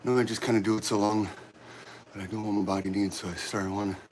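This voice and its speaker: A man's voice: lowish voice, level tone, a little mellow, slight background noise. Breathless middle-aged man chatting mid-workout. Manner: halting, friendly, rambling with many restarts. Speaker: livestream host. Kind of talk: casual chat while working out on a livestream. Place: gym during a workout. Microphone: camera set up nearby.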